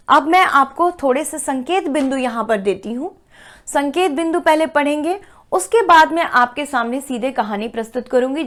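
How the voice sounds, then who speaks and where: A woman with a high voice gives a lesson to students, one point at a time. She checks in with them often and slows down when she reads out example lines. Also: a bit bright. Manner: explains step by step, checks understanding with "ठीक है?"; slows down to read example sentences aloud. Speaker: Hindi teacher. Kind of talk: classroom explanation.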